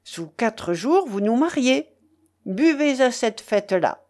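A woman's voice: on the high side, very animated, slow pace, pitched above the performer's own voice. A woman doing a thundering, domineering pirate. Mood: boisterous. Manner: loud, commanding, boisterous. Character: domineering male pirate count, thundering and jovial.

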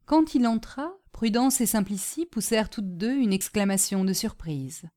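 A woman narrating a storybook in a steady, expressive reading voice. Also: mid-range voice, normal speed.

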